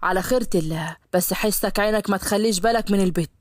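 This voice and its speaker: A woman voicing a stern, teasing middle-aged widowed father in an Egyptian Arabic storybook tale, speaking in a gruff, sarcastic way. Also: medium pitch, quick pace, no echo, clean studio sound, pitched below the performer's own voice, lightly acted. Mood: solemn.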